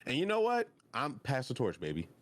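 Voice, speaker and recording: Animated young man gushing in casual chat. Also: medium pitch, fairly quick. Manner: excitable, gushing, trails off mid-sentence. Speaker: podcast co-host.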